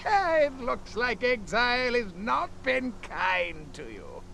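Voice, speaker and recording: A man's voice: very high voice, sing-song, slow, vocal fry, bright, forceful tone, slight background noise, exaggerated voice. A man playing a sneering, gloating old evil emperor in a video game, as a badly acted imitation. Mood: mocking, gloating. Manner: bad acting, off-key villain imitation.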